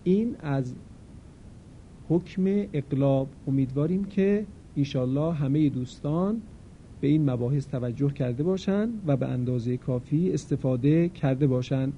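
A man teaching the rules of Quran recitation, explaining each rule plainly and then demonstrating it with slow, drawn-out recitation. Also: mid-range voice, dark tone, slight background noise. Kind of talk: recorded tajweed lesson. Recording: dull lo-fi recording.

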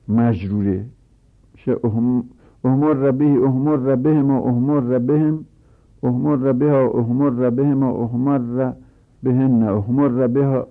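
A man teaching Arabic grammar, reciting verb conjugations in long rapid lists. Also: mid-range voice. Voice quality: gravelly, husky. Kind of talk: conjugation drill lesson. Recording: tinny phone-like lo-fi audio.

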